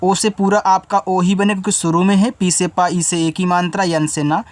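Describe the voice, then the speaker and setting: Guy teaching english spelling, slow letter by letter, then says the word low and soft, repeats everything twice. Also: little pitch movement, dry recording. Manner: patient, repeats each meaning twice. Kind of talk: step-by-step spelling lesson.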